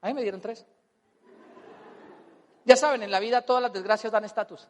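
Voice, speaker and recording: A Colombian man telling a personal story as a motivational speaker, animated and comic, acting out voices. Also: high-pitched, brisk, in a large hall. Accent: Colombian Spanish. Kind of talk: storytelling talk on stage.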